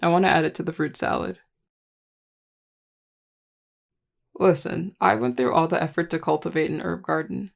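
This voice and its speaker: A performer voicing a charming, affectionate vampire lover in an intimate audio role-play, teasing and tender in a relaxed, gravelly voice. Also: medium pitch, quick pace. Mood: playful, teasing. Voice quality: gravelly, heavy vocal fry. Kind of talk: intimate audio role-play, one-sided dialogue to listener.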